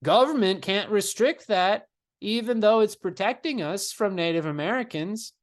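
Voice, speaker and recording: A shrill, outraged colonist who whines and protests, pitched well up, as a male history teacher puts him on. The voice leaps high and swings around with indignation. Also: very animated, moderate pace, a little mellow. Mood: indignant. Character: indignant, panicky male colonist, young adult.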